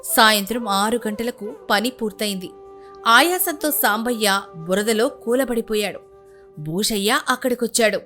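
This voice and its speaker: Brief: woman narrator, high bright voice, steady storytelling over soft music. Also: a little slow.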